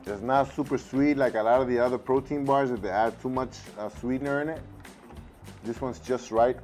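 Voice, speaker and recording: At a table indoors at home, a man with a husky voice, still recovering from losing it, reviews snacks for a laid-back taste-test vlog. His voice sits mid-range with a darkish tone, picked up on a lapel mic. He's easygoing, fills his thinking-aloud with fillers, and speaks Spanish to his kids.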